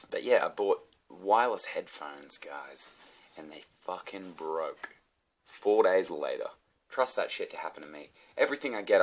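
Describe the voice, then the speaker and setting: A young man with an Australian accent and a deep, low-pitched voice rants to his camera. His delivery is casual and rambling, peppered with swearing and sardonic asides. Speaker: comedian vlogger. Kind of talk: casual ranting monologue to camera.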